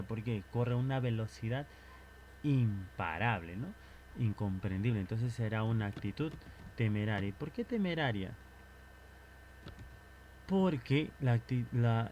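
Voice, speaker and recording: A man's voice: mid-range voice, darkish tone, a little hiss or hum. Man teaching, asking himself questions. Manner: asks and answers his own questions. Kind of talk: recorded online lesson.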